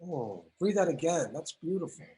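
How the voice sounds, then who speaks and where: A woman's voice: sits low, animated, moderate pace, dark tone, a little hiss or hum, low-quality recording. A woman hosting a live-stream video chat, effusive and gushing with praise. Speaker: host.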